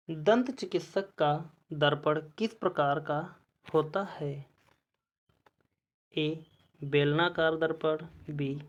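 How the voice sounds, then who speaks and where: A male teacher giving an exam-prep lesson, reading out quiz questions and their options one by one in a measured way. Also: a little high, lo-fi sound.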